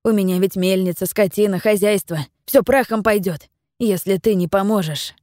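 A woman reading the part of an aging peasant miller in an audiobook, pleading and blustering by turns, a little higher than her narration. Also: moderate pace, warm tone, dry recording, clean studio sound, close to an everyday voice. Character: grieving aging peasant miller, proud, greedy.

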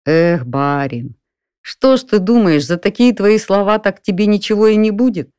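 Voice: mid-range voice, darkish tone, clean tone, no room sound, studio quality, pitched above the performer's own voice, natural voice. Чтец изображает рассудительного грабителя, простонародного и неторопливого, голос выше обычного. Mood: mocking threats. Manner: folksy, unhurried, addresses the listener as "барин". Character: calm, reasoning burglar in an apartment.

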